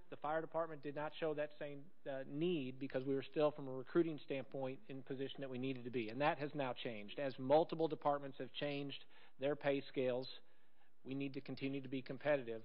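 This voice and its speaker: A man presenting an item to a city council in a conversational, halting way, with many fillers and restarts. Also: mid-range voice, fairly even intonation, dull audio. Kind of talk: council meeting remarks. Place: council chamber.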